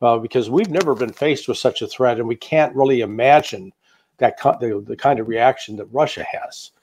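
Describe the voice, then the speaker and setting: With slight background noise, an American man of ordinary mid pitch gives interview commentary, steadily laying out his case like a guest analyst over a long answer. His delivery is measured but full of pauses, small hesitations, fillers and restarts.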